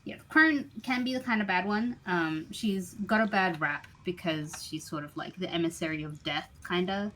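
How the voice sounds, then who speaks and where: A woman's voice: lowish voice, normal speed, hardly any pauses, bright, forceful tone, a little hiss or hum, low-quality recording. A woman running a tabletop game as game master, explaining the setting's lore in a chatty, digressive way full of fillers.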